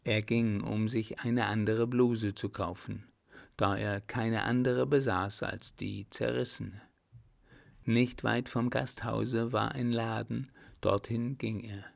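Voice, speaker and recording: Slow gravelly male narrator. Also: on the low side, steady tone, no room sound. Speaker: audiobook narrator. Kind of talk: scripted narration.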